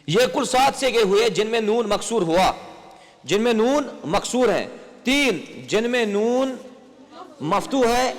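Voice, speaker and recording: A male grammar teacher quizzing his class, asking questions, repeating their answers and praising them. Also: high voice. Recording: classroom recording with long reverb.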